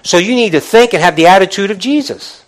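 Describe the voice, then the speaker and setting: A man's voice: high voice, expressive, fast talker. A man, a pastor, preaching a motivational sermon to a congregation in an emphatic, exhorting, colloquial way, repeating phrases and asking rhetorical questions. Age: middle-aged or older. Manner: conversational, colloquial, direct address to listeners.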